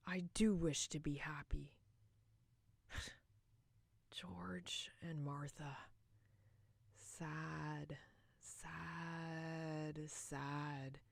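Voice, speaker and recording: In a heavily acted theatrical monologue, a woman plays a bitter, boozy middle-aged wife, mocking and self-loathing, pausing dramatically and swinging between loud and hushed. Her low voice is creaky and husky, with no echo, and the mood is anguished and regretful.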